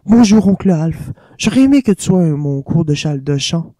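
A man's voice: fairly high pitch, animated, normal speed, dark tone, no room sound, voice pushed up, natural voice. A man voicing a chatty, giddy young woman who gushes about her singing. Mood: gushing. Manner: chatty, gushing.

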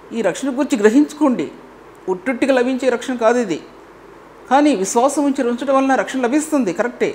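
A woman delivers a sermon at a middle pitch, earnest and steady. She circles back to key phrases to drive them home. A faint hiss of noise sits under her voice. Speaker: preacher. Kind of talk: sermon with closing prayer.

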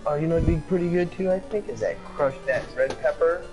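A man's voice: a little high, a little fast, a little mellow, soft background music. A man co-hosting a gaming channel, chatting casually and rambling with restarts and easy laughs. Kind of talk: casual chat. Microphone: headset or desk mic.

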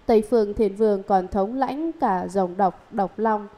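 Mellow-voiced woman reading scripture commentary. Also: mid-range voice. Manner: steady, measured explanatory reading. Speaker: reader of a Buddhist commentary.

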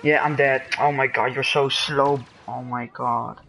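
A man's voice: mid-range voice, steady tone, measured pace, creaky, a bit bright, a little hiss or hum. A man giving casual commentary while playing a game on a livestream, often exclaiming as he reacts. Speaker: streamer.

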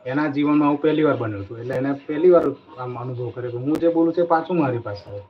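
A man's voice: medium pitch, rapid-fire. A man giving a spiritual motivational talk in an earnest way, telling a story and repeating key phrases. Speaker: motivational speaker. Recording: dull lo-fi recording with faint noise.

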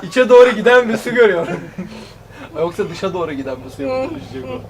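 Young male, excitable and slangy teaser, swooping delivery, loud group of friends behind him. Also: extremely high pitch, fast, crowd noise. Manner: exclamatory, slangy, teasing. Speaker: challenge video participant. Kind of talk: excitable casual banter. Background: friends shouting and laughing.

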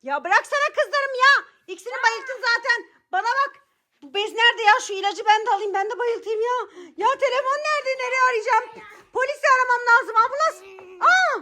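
A woman's voice: very high-pitched, fairly quick, pushed and bright. A young adult woman playing a flustered mother in a comic home-video skit, talking in a frantic, half-laughing panic.

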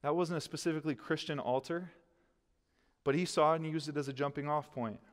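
A pastor in his thirties preaches a sermon from behind a lectern on an indoor church stage, earnest and gesturing as he quotes scripture. His voice is a little high, fairly even, and a little fast, picked up by a headset mic with long hall reverb.

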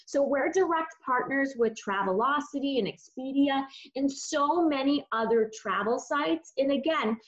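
A woman's voice: fairly high pitch, dull audio. A woman giving an upbeat, chatty walkthrough of a shopping website over a screen share, with many "um"s and "you know"s. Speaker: online shopping presenter.

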